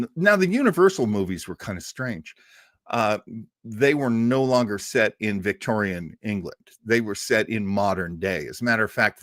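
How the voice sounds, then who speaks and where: With a medium-pitched voice captured in clean studio sound with no echo, this host of an old radio and film show rambles through an unscripted film-history program. He tells his stories informally and with enthusiasm.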